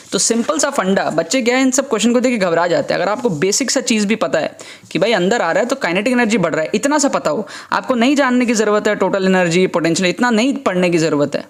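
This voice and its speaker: A young man teaching an exam prep lesson in a casual, chatty way, repeating his points and checking in often. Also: sits high.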